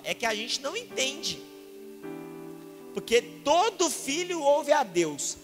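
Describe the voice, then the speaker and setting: A male pastor from Minas Gerais with a Mineiro accent, preaching an animated sermon full of rhetorical questions and acted-out exchanges. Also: very high-pitched. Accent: Mineiro Brazilian Portuguese. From Minas Gerais, Brazil. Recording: reverberant church hall with music behind.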